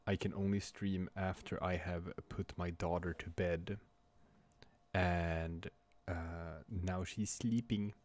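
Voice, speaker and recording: A man chatting casually on a livestream from home, talking quietly but clearly, soft and halting as if others are asleep nearby. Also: deep voice, little pitch movement. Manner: quiet but clear, soft late-night talking to avoid waking a child; halting, hesitant. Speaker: livestream host. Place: room at home.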